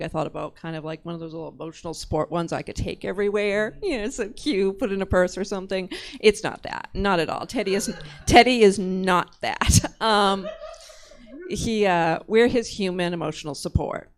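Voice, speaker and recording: A woman doing casual stand-up into a stage microphone, conversational and halting, with a self-deprecating manner. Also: fairly low pitch. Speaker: stand-up comedian.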